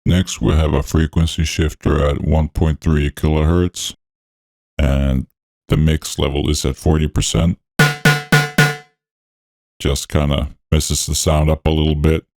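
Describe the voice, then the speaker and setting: Man through a very deep voice changer. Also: flat delivery, unhurried, gravelly, long pauses, heavy background noise. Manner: laid-back and technical, with frequent fillers. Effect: voice changer deepening his voice. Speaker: music production tutorial host. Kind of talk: walkthrough narration over a screen recording.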